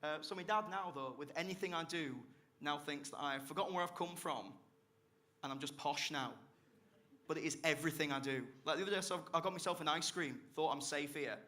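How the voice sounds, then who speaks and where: A young South Yorkshire man doing stand-up, his voice sitting a little high and sounding bright and forceful. He swears freely and teases the crowd with cheeky banter between his jokes. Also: fairly quick. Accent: South Yorkshire English. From Barnsley, South Yorkshire, England. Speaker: stand-up comedian. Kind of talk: live stand-up set. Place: comedy club stage.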